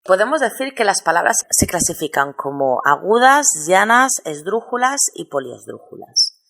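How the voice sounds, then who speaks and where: This recorded spelling-rules lesson comes from a Spanish teacher whose mid-range voice is sing-song and a bit bright. She takes her time, walking through each step and spelling syllables out slowly.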